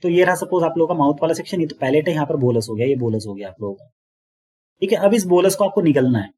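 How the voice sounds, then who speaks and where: Husky-voiced male biology teacher. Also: on the high side, expressive, quick pace, a little mellow. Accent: Indian English terms mixed into Hindi. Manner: explains patiently, keeps asking students if they understood. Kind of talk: online classroom lecture.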